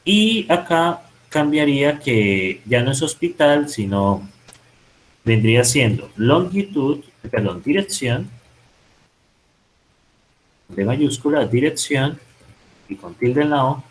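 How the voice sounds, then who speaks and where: A man's voice: mid-range voice, big pitch swings, takes it slowly, long pauses, rough recording. A man teaching programming, thinking aloud and correcting himself as he types code in a screen-recorded lesson. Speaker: programming instructor. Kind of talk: live-coding tutorial.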